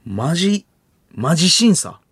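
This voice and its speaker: A young man with a Kansai accent hosting late-night comedy radio, animated banter and voiced sound effects. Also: fairly high pitch, takes it slowly, slightly rough, no room sound, studio quality. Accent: Kansai Japanese. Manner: animated, mimics jingles and sound effects with his voice. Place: radio studio. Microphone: studio mic.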